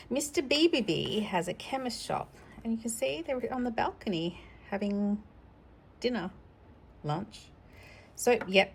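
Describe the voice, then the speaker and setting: With a medium-pitched voice and some vocal fry, this middle-aged storytime host reads children's books in a casual way, chatting and putting things simply for a child. A little hiss or hum runs under the recording.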